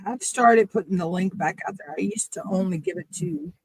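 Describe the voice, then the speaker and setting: A woman's voice: medium pitch, big pitch swings, fairly quick, gravelly, darkish tone. A woman chatting casually as the host of a livestream. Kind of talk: casual chat.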